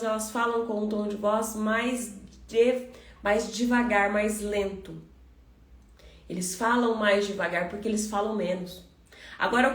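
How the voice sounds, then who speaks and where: A Brazilian woman coaching on communication, talking fast and directly to the listener as a friend. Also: a little high, roomy sound. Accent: Brazilian Portuguese. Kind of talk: motivational podcast talk.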